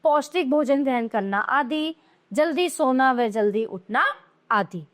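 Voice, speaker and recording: A woman's voice: high voice, animated, a little slow. A woman teaching a grammar lesson to young children, explaining patiently and answering her own questions.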